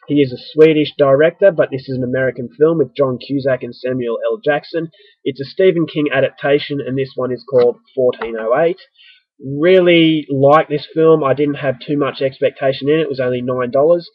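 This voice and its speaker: Talking to camera in a casual vlog, an Australian man rambles and pokes fun at himself, his voice stuffy with an oncoming flu. His pitch is medium, and the recording has no room sound and its highs cut off.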